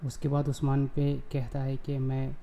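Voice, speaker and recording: A man hosting his own channel, recapping a TV drama episode in casual, halting speech with frequent fillers and self-corrections. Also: medium pitch, monotone, dark tone.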